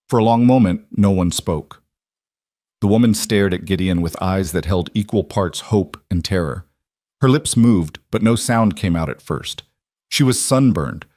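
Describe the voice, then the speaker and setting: A man narrating a frontier story in a measured, somber scripted delivery. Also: low-pitched, darkish tone, no echo, clean studio sound.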